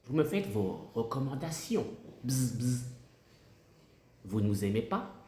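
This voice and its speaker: A man voicing a slow, ceremonious mosquito president. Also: mid-range voice, sing-song, a little mellow, roomy sound. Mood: offended. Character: buzzing mosquito head of state, formal, aggrieved diplomat. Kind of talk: comic sketch dialogue.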